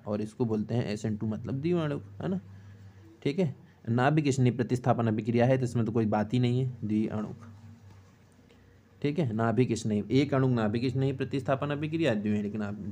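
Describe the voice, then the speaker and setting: A man in middle age teaches an exam-prep chemistry lesson in a mellow, relaxed voice at a middling pitch. He works through each step slowly, asks his own questions aloud and answers them, and keeps checking in with his students. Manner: steady rhythm of short checks to the class.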